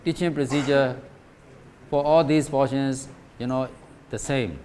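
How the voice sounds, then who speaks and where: Slow-spoken man lecturing teachers. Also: medium pitch, fairly even intonation, a little mellow. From Myanmar. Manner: rhetorical questions, repeats "right?" and "okay?". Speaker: teacher trainer. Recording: faint background noise.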